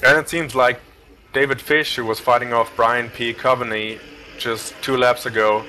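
A man's voice: medium pitch, fairly even intonation, normal speed, sharp tone. A man co-commentating a live racing stream, reading out standings in rambling play-by-play with jokey asides. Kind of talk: casual race commentary.

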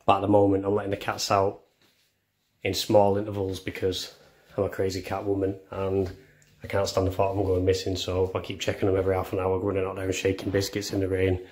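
In a low, monotone and slightly mellow voice, a young man talks fairly quickly while showing off a house. This vlogger films on a handheld phone as he walks through the rooms indoors, chatty and self-deprecating.

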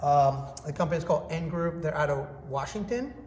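A fairly high-pitched, darkish voice that runs a little fast belongs to a man in his thirties doing an upbeat product review for a phone camera. Casual and enthusiastic, he demonstrates with his hands. The workshop's hard walls give an echoey sound with faint background noise.

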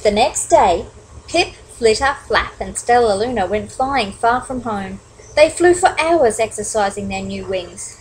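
Expressive woman reading a children's story. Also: a little high, measured pace, slight background noise, low-quality recording. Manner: expressive with chatty asides to young listeners. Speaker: storybook reader. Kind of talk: children's story read-aloud.

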